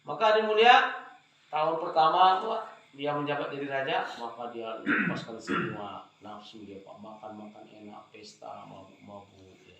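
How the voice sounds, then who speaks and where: A man preaching and telling a parable with animated delivery, repeatedly addressing his listeners as "Pak". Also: medium pitch, moderate pace, a little hiss or hum. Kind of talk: religious talk with a told parable. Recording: very echoey hall, faint ambience.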